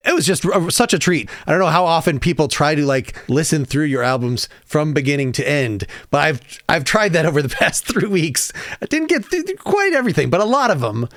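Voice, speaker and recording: A man's voice: a little high, big pitch swings, a little fast, a bit bright, dry recording, studio quality. A man hosting a podcast interview, enthusiastic and rambling, often restarting his thoughts. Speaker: podcast host.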